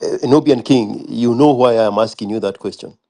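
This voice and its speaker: A man's voice: medium pitch, moderate pace, mellow. A man with a Kenyan accent debating casually in a challenging, sarcastic manner, repeating himself for emphasis.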